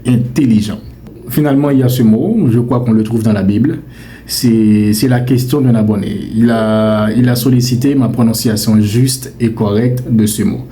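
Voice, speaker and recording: A man with a Haitian accent, teaching French pronunciation on his channel, repeating words slowly and playfully scolding mistakes. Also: fairly low pitch, steady tone, dark tone, slight background noise. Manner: emphatic, repeats words slowly to correct them; playfully scolding, calls mispronunciations mean. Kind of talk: direct-to-camera language lesson.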